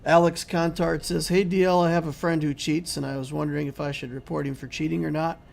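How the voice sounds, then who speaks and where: Gravelly-voiced man answering chat. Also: a little high, little pitch movement, brisk. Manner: conversational, rambling with restarts, answering chat. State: losing his voice, clearing throat. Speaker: YouTube game channel host. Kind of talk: casual livestream commentary.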